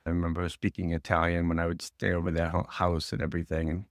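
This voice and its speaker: A man's voice: deep voice, monotone, fast talker, no room sound, clean studio sound. A middle-aged man hosting a podcast interview, friendly and encouraging in casual chat. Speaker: podcast host.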